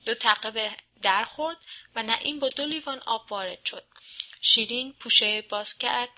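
Bright, gravelly woman narrator. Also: on the high side, highs cut off. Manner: lively, expressive reading. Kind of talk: storytelling audiobook reading.

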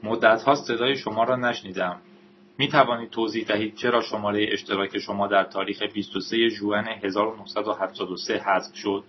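A man's voice: on the low side, steady tone, muffled recording, a little hiss or hum, lightly acted. A man voicing a talking computer with a nasal, clipped delivery in a storybook reading. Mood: measured.

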